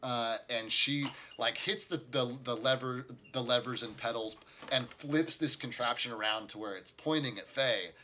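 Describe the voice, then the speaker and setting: Sharp, bright-voiced male game master. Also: mid-range voice, a little hiss or hum. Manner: halting, improvised delivery. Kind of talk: casual tabletop game narration.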